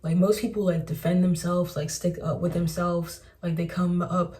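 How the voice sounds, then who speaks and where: A woman's voice: on the low side, flat delivery, moderate pace, warm tone, recorded from a distance. A young woman telling a storytime in a chatty way, filling her talk with "like". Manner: chatty, fills with "like", recounts texts. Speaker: vlogger. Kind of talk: casual storytime vlog.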